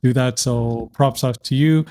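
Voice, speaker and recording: A Syrian entrepreneur appears as a podcast guest in a casual interview, speaking unhurriedly in a steady, dark, mid-range voice. He is reflective and thoughtful, frequently restarting his sentences.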